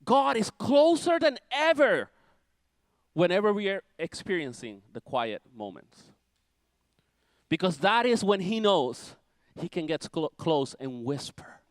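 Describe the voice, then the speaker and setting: Dramatic high-voiced male preacher. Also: very animated, unhurried, dry recording. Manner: dramatic, swings from loud declarations to near-whispers. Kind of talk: sermon.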